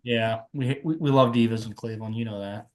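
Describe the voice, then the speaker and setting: A man's voice: medium pitch, a little fast. A man co-hosting a sports podcast, rambling and laughing easily. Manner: laughs often, rambling, swears casually. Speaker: podcast co-host. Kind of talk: casual sports chat.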